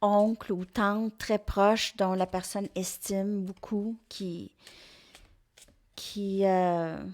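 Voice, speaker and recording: A woman's voice: mid-range voice, steady tone, drawn-out words, a little mellow. A woman with a Québécois French accent doing a tarot card reading for viewers, hesitant, with many fillers and restarts. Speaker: tarot reader.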